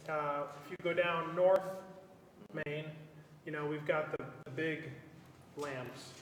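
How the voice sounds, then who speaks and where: A man with a fairly high voice talks his way through a council meeting, pausing and restarting often. He sounds distant from the mic, and the chamber rings with long echo. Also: steady tone, a bit bright, slight background noise. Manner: halting, thinking aloud. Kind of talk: public meeting discussion.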